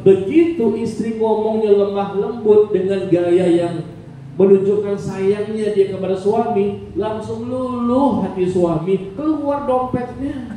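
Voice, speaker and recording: High-voiced preacher in a very echoey hall. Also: male voice, dark tone. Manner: playful, teasing, asks the audience for agreement. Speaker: Islamic preacher. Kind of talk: humorous sermon to a women's study group. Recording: very echoey hall, distant mic, faint noise.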